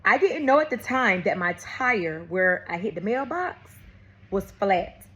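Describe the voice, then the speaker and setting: This Atlanta woman vlogger has a mid-range voice and a measured pace, and the sound is lo-fi. Telling a faith testimony casually, she speaks right to her viewers, repeatedly calls them y'all and baby, and restarts her sentences frequently as she animatedly tells the story.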